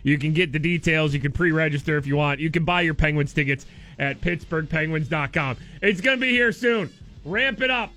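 An American man hosting a radio show, delivering an upbeat, informal contest promo in an excitable way and repeating himself for emphasis. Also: on the high side, fairly quick.

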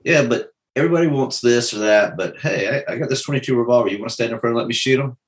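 A man in his fifties, a guest instructor, telling stories in a lively, casual way and restarting words as he goes. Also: mid-range voice, quick pace. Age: 50s. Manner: animated storytelling, repeats words as he starts. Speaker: guest, self-defense instructor. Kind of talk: casual conversation.

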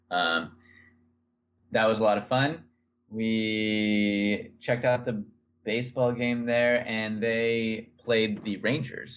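A man with a fairly low voice chatting on a podcast, relaxed and rambling as he tells a story. The recording sounds a bit dull and lo-fi. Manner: relaxed storytelling with many fillers. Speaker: podcast co-host. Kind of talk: casual podcast chat.

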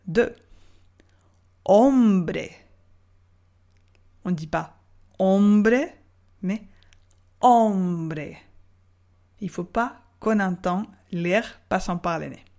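A woman teaching Spanish on a podcast lesson, speaking slowly and drawing out model words for the listener to repeat. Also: on the low side, creaky. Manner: slow, carefully spelled-out model words for repeating.

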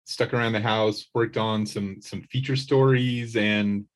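A man with a slightly low voice talks casually as a sports writer on a podcast. He is conversational, with a wry way of putting things. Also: steady tone, a little slow.

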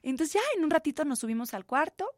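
A woman in her thirties with a Mexican accent, chatting as host and telling a birth story with lots of warmth and quoted dialogue. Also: high voice, expressive, quick pace, no room sound, clean studio sound. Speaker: podcast host. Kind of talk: casual chat.

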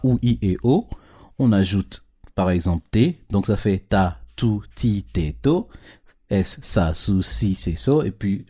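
A man's voice: lowish voice, darkish tone. A man teaching a casual lesson to children on a handheld microphone, explaining patiently and often checking that they follow. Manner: patient, checks understanding with frequent questions.

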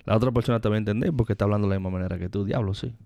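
Low-pitched Dominican man chatting casually. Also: racing, creaky, mellow, no echo. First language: Spanish. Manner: colloquial slang, stop-and-start repetitions. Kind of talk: casual chat and anecdotes.

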